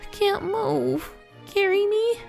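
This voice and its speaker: A woman voicing a cheerful, airheaded teen girl photographer who is faint with hunger and pleads in a drawn-out whine. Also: very high voice, expressive, vocal fry, a little mellow, soft background music, pitched above the performer's own voice, heavily acted. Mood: whiny.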